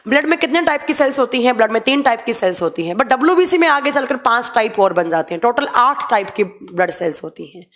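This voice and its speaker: Young woman, live-class teacher, higher pitch, easy explaining tone while answering questions from chat. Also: fairly bright tone. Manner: explains in mixed Hindi and English, reads viewer comments aloud.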